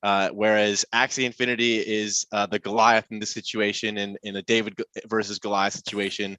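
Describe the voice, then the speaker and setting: Low, bright-toned male podcast host. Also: fairly quick, dry recording, rough recording. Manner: relaxed, rambling with many fillers and restarts. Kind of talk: casual chat.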